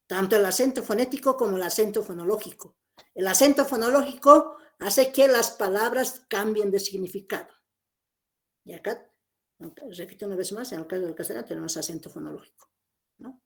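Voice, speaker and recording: Woman teaching a phonetics class. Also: mid-range voice. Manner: explanatory, repeats key points, checks with "¿no?". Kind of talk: classroom lecture.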